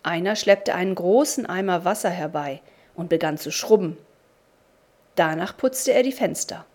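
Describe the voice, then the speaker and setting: A woman reading a devotional story aloud in a slow, deliberate storybook manner. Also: on the low side, darkish tone. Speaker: narrator.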